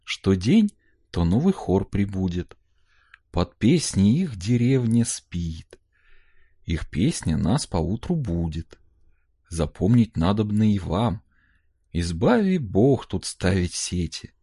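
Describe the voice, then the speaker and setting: A man voicing a gentle peasant mother who tells her children stories and scolds them fondly. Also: low-pitched, big pitch swings, slow, husky, no room sound, studio quality, full character voice. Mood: tender. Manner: tender, fondly scolding, storytelling.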